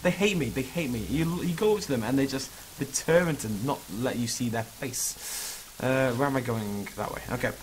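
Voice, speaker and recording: A young man speaks at a medium pitch, his voice a little hoarse from being hungover. He rambles informally and self-critically, like a creator vlogging while he plays a game. Noticeable game ambience and noise sit behind his voice. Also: moderate pace, few pauses. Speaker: gaming video creator. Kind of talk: casual vlog chat over gameplay. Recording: clearly noisy background ambience.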